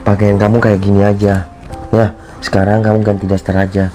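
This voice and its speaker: A man's voice: fairly low pitch, level tone, a little fast, mellow, close to an everyday voice. A man playing a sick, apologetic young husband. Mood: weak, apologetic. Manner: weak, pained, apologetic. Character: sick, ashamed young husband, gentle toward wife. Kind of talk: short film acting. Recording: background music under the dialogue.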